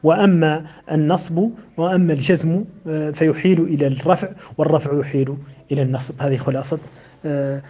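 A man's voice: fairly high pitch, fairly even intonation, brisk, dark tone. A man teaching the rules of a classical verse text on recitation, explaining them step by step with frequent hesitations.

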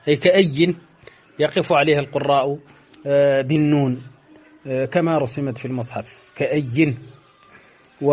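A man gives a recitation lesson in an even, steady voice with little rise and fall, pausing often as he works through each rule. The sound is a little muffled and lo-fi. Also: mid-range voice. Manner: measured, flat teaching delivery with frequent "aah" pauses; chants verse quotations in a raised voice. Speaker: Quran recitation teacher. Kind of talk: explaining recitation rules in a lesson.

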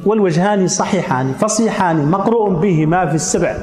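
A man's voice: sits high, lively intonation, fast, darkish tone. A man giving a grammar lesson, explaining step by step and stopping to check that his listeners have understood. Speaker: teacher of Arabic grammar. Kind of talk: classroom lecture. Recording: echoey hall reverb.

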